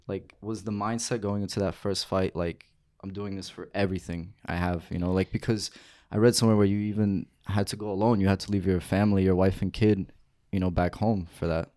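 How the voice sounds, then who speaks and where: Podcast co-host dude, super deep mellow voice, dry sound, thinks out loud. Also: male voice, steady tone, brisk, dry recording. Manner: reflective, sets up questions at length. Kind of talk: podcast interview.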